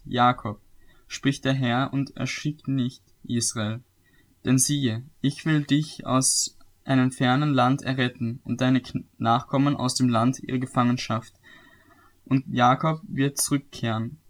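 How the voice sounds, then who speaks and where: Man reading scripture aloud. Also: medium pitch. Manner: steady, measured reading with occasional slips and self-corrections. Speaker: Bible reader.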